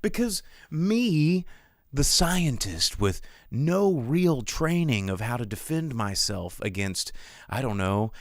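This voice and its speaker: Speaking off the cuff like a live-show host, a man offers slangy, opinionated talk in a casual, conversational style. His pitch swings widely as he slips into imagined quotes, he goes slowly, and the sound is close and dry with no room noise.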